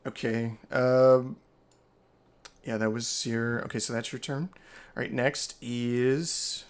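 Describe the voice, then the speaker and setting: A man running a tabletop game over voice chat, explaining rules in a relaxed way with plenty of ums. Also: medium pitch, takes it slowly, clean tone. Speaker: game master.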